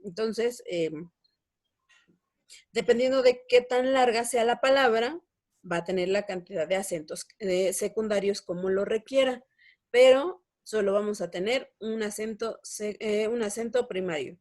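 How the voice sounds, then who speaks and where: A woman's voice: medium pitch, a little slow, darkish tone. A young woman teaching a language lesson, explaining step by step and checking in with her students. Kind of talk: online lesson.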